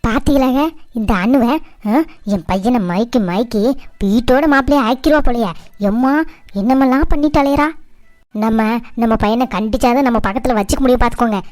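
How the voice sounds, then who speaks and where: A woman's voice: on the high side, a little fast, darkish tone, dry recording, lightly acted. A woman playing a scheming, middle-aged Tamil mother-in-law in a cartoon family drama, nagging and complaining in a southern Tamil Nadu accent. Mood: bitter, scheming.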